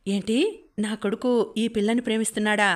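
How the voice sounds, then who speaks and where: A woman's voice: medium pitch, little pitch movement, fairly quick, natural voice. A woman reading the part of a proud, scornful older father who looks down on an orphan girl. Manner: scornful, dismissive.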